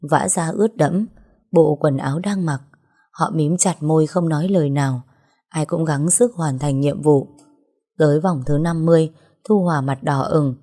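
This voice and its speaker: A woman narrating a story in a steady, even way. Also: sits low.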